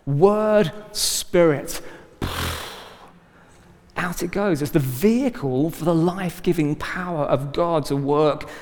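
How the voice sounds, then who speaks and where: A man preaching a sermon as pastor, emphatic and rising to loud exclamations. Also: on the high side, moderate pace, hardly any pauses. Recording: long hall reverb.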